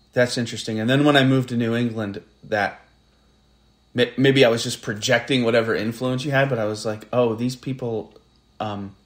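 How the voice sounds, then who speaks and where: A man with a General American accent, co-hosting a casual podcast, reflective and halting as he thinks aloud. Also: fairly low pitch. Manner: reflective, halting, many restarts. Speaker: podcast co-host. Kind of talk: casual conversation.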